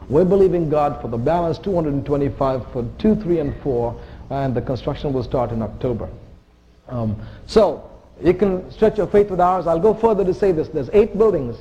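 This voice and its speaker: A man preaching to a congregation, his voice set a little high but mellow and soft in tone. He speaks earnestly and with emphasis, dropping in playful jokes, and a faint hiss sits under the sound. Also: dull audio. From India. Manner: earnest and emphatic, with joking asides. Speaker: visiting missionary preacher. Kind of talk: sermon to a congregation. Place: church sanctuary.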